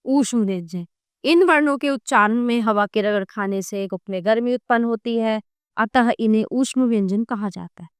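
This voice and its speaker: A woman's voice: fairly high pitch, normal speed, smooth, no echo, studio quality. A woman teaching a grammar lesson from an ebook, reading out definitions and listing letters one at a time, with brief asides to her students.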